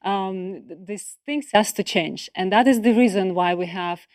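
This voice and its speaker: A woman's voice: mid-range voice, a little mellow, no echo, studio quality. Enthusiastic woman hosting an online event. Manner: enthusiastic, halting with slips and laughs. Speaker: event host.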